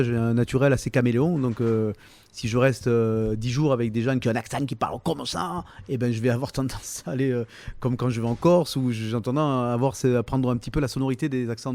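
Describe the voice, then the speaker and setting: Brief: fifties man, Provençal accent, low mellow tone, dry close mic, halting casual answers. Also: no echo. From southern France, Toulon. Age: 50s. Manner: halting, many fillers and restarts. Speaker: comedian, interview guest.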